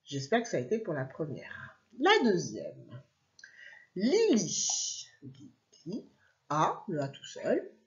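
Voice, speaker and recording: A woman teacher giving a dictation to young children, slowly stretching out each word and spelling out letters. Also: lowish voice, wildly swooping pitch, highs cut off. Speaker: primary school teacher.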